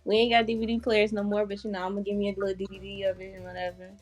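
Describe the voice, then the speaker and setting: A woman's voice: medium pitch, flat delivery, racing, faint music behind. A woman hosting a casual interview, chatty and laid-back. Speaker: podcast host.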